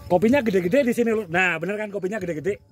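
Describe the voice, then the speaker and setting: A man's voice: high-pitched, fast, husky, faint music behind. A man with a Javanese accent hosting a casual outdoor vlog, chatty and inquisitive, often repeating what he is told. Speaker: vlog host asking locals questions. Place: outdoors on a rural coffee-growing hillside.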